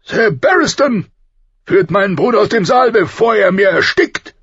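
A man voicing a burly, hot-tempered king who thunders his commands loudly. The recording sounds slightly dull. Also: a little high, wildly swooping pitch, unhurried, gravelly, husky, no echo, pitched above the performer's own voice, heavily acted. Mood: furious.

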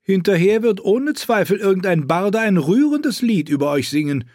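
A man's voice: sits high, lively intonation, normal speed, a little mellow, no room sound, studio quality, pitched above the performer's own voice. A man voicing a cold, haughty middle-aged queen who speaks in a prim, disdainful way.

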